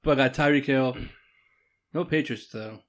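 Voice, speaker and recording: Joking man talking fantasy football. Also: medium pitch. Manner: joking, quick bursts of fantasy talk. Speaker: co-host. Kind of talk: casual sports chat.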